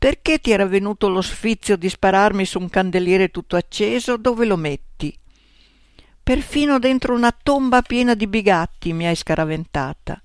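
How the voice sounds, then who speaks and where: Storybook role: a woman voicing a lazy, indignant female house cat, mid-pitched and sassy. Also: normal speed, no echo, studio quality, lightly acted. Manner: grumbling, indignant and cheeky. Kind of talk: storybook reading.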